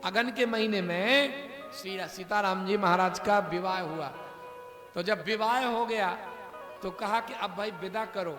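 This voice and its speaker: A man's voice: sits high, unhurried, echoey room, in a large hall, over music. A man giving a devotional discourse, telling the story and talking straight to the audience, with bits of rustic dialect. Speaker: kathavachak preacher. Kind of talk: devotional discourse with verse recitation.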